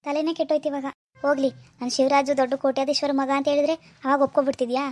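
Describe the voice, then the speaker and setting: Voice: sits high, level tone, racing, darkish tone, natural voice. A performer playing a young rich man's son who hid his wealth, coaxing and pleading with his fiancée on the phone. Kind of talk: amateur phone-call drama.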